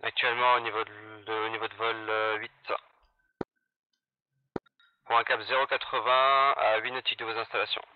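A man making halting radio calls as a flight lead pilot over a cockpit headset, with many fillers. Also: lowish voice, level tone. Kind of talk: radio calls to air traffic control. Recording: muffled radio headset line.

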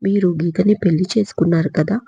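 Woman narrator reading a young woman in tears, husky and dark-toned, storybook style. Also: fairly low pitch, steady tone, fast, dry recording, muffled recording, heavily acted. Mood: tearful, hurt. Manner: pleading, tearful. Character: young woman, tearful and hurt. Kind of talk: audiobook character reading.

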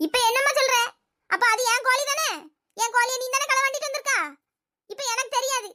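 A bossy village woman with a Thoothukudi Tamil accent, played by a woman, in a comedy sketch, her voice sitting extremely high. The tone is sharp and bright, and she haggles and scolds in quick village banter. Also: steady tone. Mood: demanding. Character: shrill bossy village woman demanding payment for a stolen hen.

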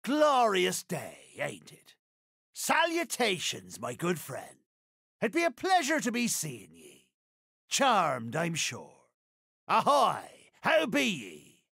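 A swaggering video game pirate captain, sly and grandly courteous. His gravelly voice sits fairly high for a man and swoops wildly through theatrical, old-fashioned phrases. He takes his time over the words. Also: huge pitch swings, fairly bright tone, no echo, studio quality, exaggerated voice. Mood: hearty, courteous. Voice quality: gravelly, creaky. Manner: theatrical, drawn-out archaic pirate speech. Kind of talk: video game character voice lines.

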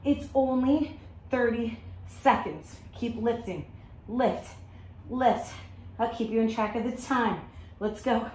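A woman fitness instructor drives a workout with a high voice, in urging pep-talk bursts of short commands and counts. She is exerting herself as she speaks. The sound is a roomy home garage gym picked up from a few metres, with faint background noise. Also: takes it slowly, long pauses, a little mellow. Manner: urging, motivational pep talk like a halftime speech; exerting herself while talking. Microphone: camera a few metres away. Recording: echoey room from a distance, faint noise.

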